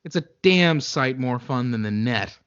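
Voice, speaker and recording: A man's voice: medium pitch, animated, unhurried, a bit bright, clear, resonant tone, dull audio. A man co-hosting a casual movie podcast, who often stumbles and repeats words as he starts a thought. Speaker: podcast co-host. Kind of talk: casual movie-review chat.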